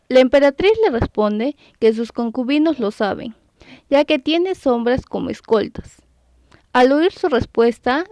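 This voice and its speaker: A woman's voice: a little high, a little mellow, dry recording. A woman narrating a story recap, lifting her voice on character names. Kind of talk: scripted narration.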